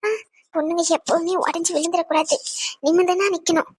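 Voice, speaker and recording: A woman's voice: very high-pitched, fairly even intonation, fairly quick, no room sound. A woman voicing a stern but caring older mother in a cartoon who lectures and scolds her family. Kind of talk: cartoon voice acting.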